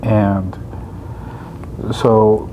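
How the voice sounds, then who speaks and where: A man in his thirties with a somewhat low voice, co-hosting a laid-back faith podcast. He thinks out loud and keeps checking in with a quick "right?" as he talks. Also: little pitch movement, dull audio, slight background noise. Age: 30s. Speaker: podcast co-host. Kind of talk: casual faith podcast chat.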